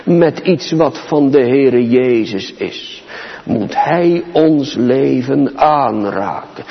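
Man preaching slow, drawn-out sermon, big echoey church, kinda muffled sound. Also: medium pitch, animated. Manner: slow, solemn preaching with dramatic pauses and rising emphasis. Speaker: pastor. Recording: dull, reverberant church hall.

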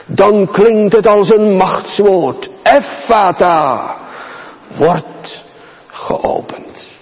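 A man preaching a sermon to his congregation, slow and solemn, with dramatic pauses and emphasis. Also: sits high. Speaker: pastor. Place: church. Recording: dull, reverberant church hall.

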